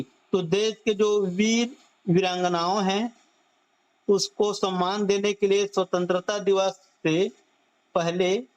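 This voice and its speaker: Male exam-prep tutor, high voice, slow deliberate delivery, keeps quizzing the class and repeating answers. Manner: drills students with repeated questions and "theek hai"; slow, stretched key phrases. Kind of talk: online current-affairs class.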